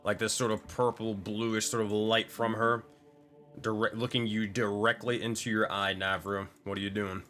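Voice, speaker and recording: A man's voice: fairly low pitch, level tone, moderate pace, fairly bright tone, soft background music. A man running a tabletop game as game master, improvising narration in an informal, sweary way.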